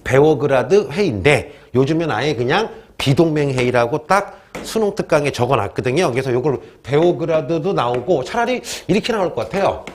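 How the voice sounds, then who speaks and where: Animated male teacher, higher pitch, swooping, playful lecture to a class, faint noise behind. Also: brisk, few pauses. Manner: lively, joking, asks the class questions and answers them himself. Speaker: history teacher.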